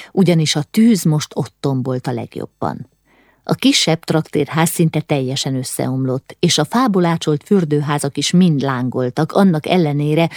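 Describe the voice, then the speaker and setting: A woman's voice: sits low, darkish tone, no echo, studio quality. A woman reading a novel aloud as an audiobook narrator, voicing the dialogue with urgent, rising lines in tense moments. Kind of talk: scripted narration.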